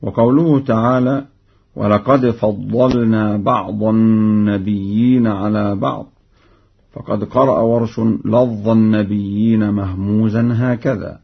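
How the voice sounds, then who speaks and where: Male presenter for a radio Quran program, gravelly, very slow, explains then chants examples, dull lo-fi sound. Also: lowish voice, steady tone. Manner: slow, deliberate, breaks into chant for cited verses. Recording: dull lo-fi archive radio recording.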